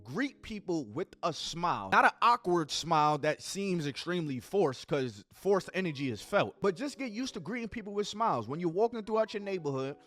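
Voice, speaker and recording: A man's voice: high-pitched, normal speed, few pauses, soft background music. A man on a podcast giving advice in a coaching tone and acting out short sample conversations. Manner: animated coaching, acts out little dialogues.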